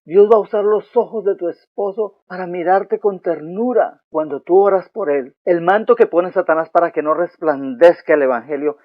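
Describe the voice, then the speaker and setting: An older man preaching a sermon on marriage, swinging between hushed, gentle passages and loud, forceful ones. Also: high voice, normal speed, hardly any pauses, no room sound, phone-quality sound. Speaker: pastor.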